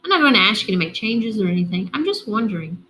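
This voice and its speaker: A woman's voice: mid-range voice, very animated, fast talker, a bit bright, a little hiss or hum, low-quality recording. An encouraging male schoolteacher, upbeat and careful with his words, as a woman reads his lines. It is a light storybook take, close to her normal voice.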